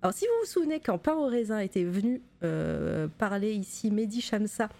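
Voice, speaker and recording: A woman's voice: medium pitch, lively intonation, fairly quick, creaky, warm tone. A woman hosting a live stream in a casual, chatty way, with many fillers and little giggles. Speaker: stream host.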